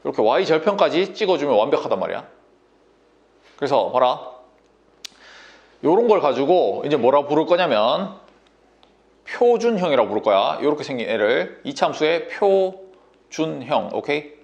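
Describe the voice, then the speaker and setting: Coaxing, gravelly male math tutor. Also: a little high, sing-song, unhurried, pauses often, darkish tone, highs cut off. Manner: bossy, coaxing banmal, constant checks like "인정?" and "됐니?". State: sore throat. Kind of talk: whiteboard math lesson.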